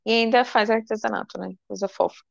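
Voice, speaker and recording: A woman's voice: on the high side, steady tone, fairly quick, creaky, dry recording. Emphatic Brazilian woman, lo-fi sound. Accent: Brazilian Portuguese. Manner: upbeat, emphatic, teasing. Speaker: podcast guest, financial consultant. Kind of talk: casual chat. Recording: dull lo-fi sound.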